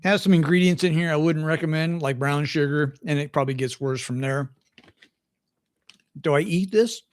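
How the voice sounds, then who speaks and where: A man's voice: a little high, little pitch movement, a little fast, hardly any pauses, clean tone, no echo, studio quality. An older man hosting a casual livestream chat from home, folksy and chatty, often restarting his sentences. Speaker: host.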